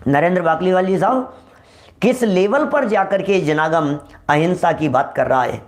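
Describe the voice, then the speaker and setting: A man preaching a sermon, his voice sitting a little higher than most men's. He builds his points through rhetorical questions and short mimicked quotes, pressing each idea one step further. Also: expressive, moderate pace. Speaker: Jain preacher.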